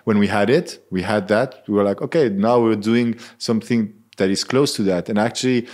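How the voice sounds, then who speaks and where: In a casual interview, a Swiss band member in his thirties speaks at normal speed with a low-pitched, darkish voice. He is earnest, often searches for the right words, and frequently begins his sentences again.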